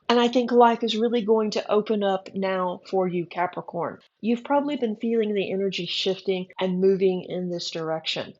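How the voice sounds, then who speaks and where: A woman's voice: medium pitch, darkish tone, highs cut off. A woman reading a horoscope forecast, chatty and encouraging with a wry edge. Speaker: astrology reader.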